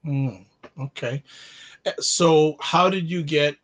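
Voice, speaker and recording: A man's voice: a little high, slow pace. A man from Canada hosting a live online talk show, reading a formal introduction of his guest and then chatting loosely with him. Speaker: host.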